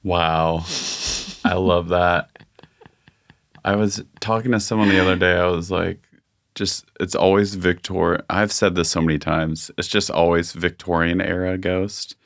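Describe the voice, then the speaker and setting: A man's voice: sits low, flat delivery, unhurried, dry recording, studio quality. A man co-hosting a podcast, chatting casually and a bit rambly, with lots of "like" fillers. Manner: rambling, many "like" fillers, enthusiastic. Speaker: podcast co-host. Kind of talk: casual chat.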